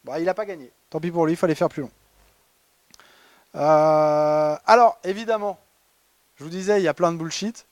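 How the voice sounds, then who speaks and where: A man's voice: a little high, normal speed, long pauses, no room sound. A man presenting a humorous award talk at a conference, ironic and chatty with many fillers and restarts. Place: conference hall.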